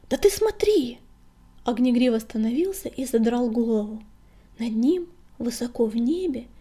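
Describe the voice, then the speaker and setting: A woman narrating an audiobook in a soft, hushed whisper. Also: fairly high pitch. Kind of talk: whispered storytelling.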